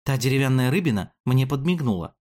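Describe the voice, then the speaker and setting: A cautious young girl in a storybook reading, speaking in a hushed, careful way, voiced by a man. The voice stays close to the reader's own. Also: mid-range voice, animated, a little fast, natural voice. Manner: whispering, cautious.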